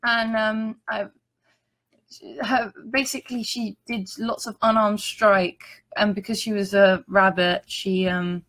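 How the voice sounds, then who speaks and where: A woman who makes art videos, chatting casually and teasing with quick, playful interjections. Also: medium pitch, flat delivery, a bit bright, rough recording. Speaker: artist and streamer. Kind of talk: casual livestream chat.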